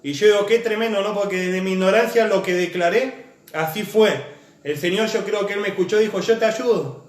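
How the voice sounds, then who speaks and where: A man's voice: high-pitched, echoey room. A man preaching a sermon, earnest and full of repeated phrases and lists as he shares his own testimony.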